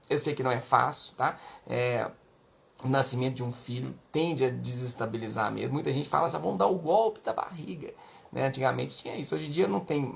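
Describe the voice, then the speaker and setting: Brazilian male pediatrician, gravelly mid-pitched voice, casual and chatty. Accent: Brazilian Portuguese. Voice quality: creaky. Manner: chatty, peppered with tag questions. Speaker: pediatrician giving parenting advice. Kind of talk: casual advice talk.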